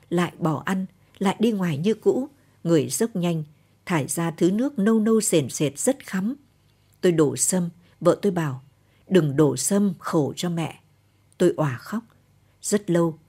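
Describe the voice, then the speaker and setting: A woman with a Northern Vietnamese accent reading a short story aloud in a calm, even late-night storytelling manner. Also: lowish voice, husky. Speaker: story reader. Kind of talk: scripted narration of a short story.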